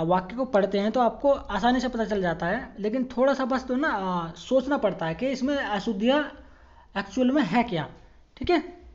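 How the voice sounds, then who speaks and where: A woman teacher walking through exam-prep material, her voice sitting at a middle pitch. She reads example sentences out slowly and keeps checking in with short fillers. The audio is a little dull and lo-fi. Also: a little mellow.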